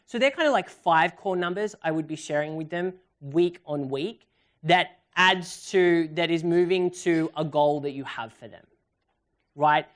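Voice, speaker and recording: An upbeat, chatty woman leads a live business seminar and takes audience questions. Her voice sits fairly low for a woman. She talks in a lively, animated way. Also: a little slow. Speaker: workshop presenter. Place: event hall with audience.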